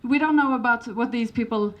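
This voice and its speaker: In a slightly high voice and at a slightly fast pace, a woman from Sweden delivers a conference talk in English with a Swedish accent. Her presentation is hesitant, packed with fillers and restarts, and lightly funny.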